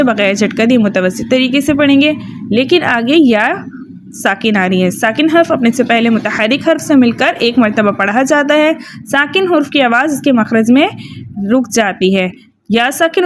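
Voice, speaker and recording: A woman teaching Quran recitation rules step by step, often checking in with her listeners. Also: on the high side. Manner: explains rules step by step, often asks "ठीक है?". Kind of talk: tajweed lesson with recited examples.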